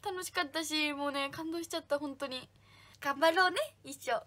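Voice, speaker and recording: Bubbly high-voiced young woman streamer. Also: moderate pace, pushed and bright. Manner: bubbly, reads comments aloud and thanks fans by name. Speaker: idol livestream host. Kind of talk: casual livestream chat reading fan comments.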